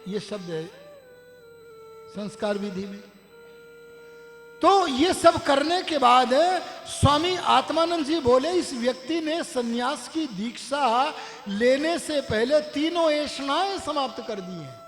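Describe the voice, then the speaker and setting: A man's voice: extremely high pitch, expressive, slow pace, a bit bright, in a large hall, faint music behind. A male preacher telling a story in a sermon, acting out the dialogue and putting questions to his audience. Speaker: Arya Samaj preacher. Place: large hall at a ceremony.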